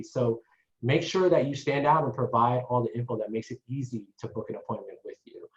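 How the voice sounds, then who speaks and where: A man giving a casual marketing webinar to salon owners, chatty and constantly checking in with the listeners. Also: mid-range voice. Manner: chatty, tags sentences with "right?". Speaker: marketing consultant presenter. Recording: echoey dull lo-fi online call.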